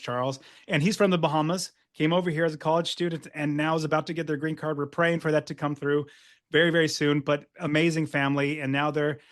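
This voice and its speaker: A man's voice: on the high side, fairly bright tone. Upbeat coach, man with a lightly raised voice. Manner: upbeat, emphatic, salesy. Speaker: real estate investing coach. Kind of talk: webinar sales presentation.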